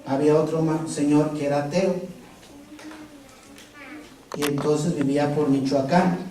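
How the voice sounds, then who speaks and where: Brief: priest, lively retreat sermon, distant mic in a very echoey hall. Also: male voice, a little high, a little slow. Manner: animated storytelling, rhetorical questions. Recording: distant mic, strong hall echo, faint noise.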